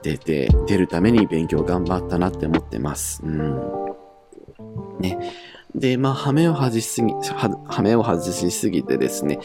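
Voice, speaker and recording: A man's voice: low-pitched, animated, moderate pace, over loud music. A young man from Japan chatting casually and with self-mockery as he looks back over his old diary, with many fillers.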